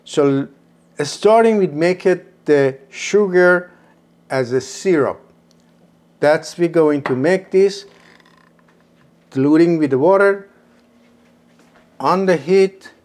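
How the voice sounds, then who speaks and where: A man in his sixties with a Persian accent, explaining a home cooking recipe step by step in an unhurried way from his kitchen. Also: on the high side, a little mellow. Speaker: cooking show host.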